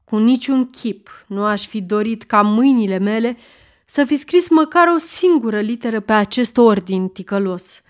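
A stern military count barking orders at his riders and the crowd, put on by a woman reading the story. The voice jumps up high and loud on the commands, with a hard, authoritative bite. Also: lively intonation. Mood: commanding. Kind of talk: audiobook character reading.

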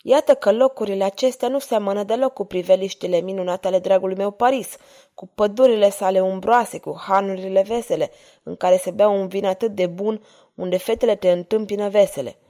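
A woman voicing a proud, brash young French knight who talks loudly and boldly. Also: medium pitch, steady tone, lightly acted. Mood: cheerful. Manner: loud and bold.

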